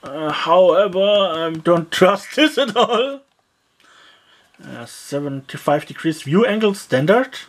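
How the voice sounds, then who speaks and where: Taking things slowly, a speaker with a medium pitch and lively intonation disassembles a budget gadget and reviews it. The talk is casual and meandering, with lots of "yeah" and "uh" and the odd grumble on the side.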